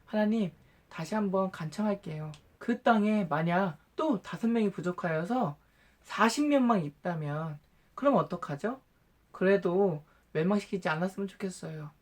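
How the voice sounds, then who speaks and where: Old Abraham from a Bible storybook, voiced by a man. He speaks with humble, earnest care, in the plain voice of a gentle storyteller. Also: high voice, moderate pace. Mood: pleading.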